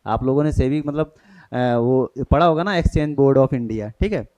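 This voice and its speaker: A man with a mellow, medium-pitched voice teaches an exam-prep grammar lesson at an unhurried pace. He keeps quizzing his students and checking they follow, repeatedly asking "thik hai".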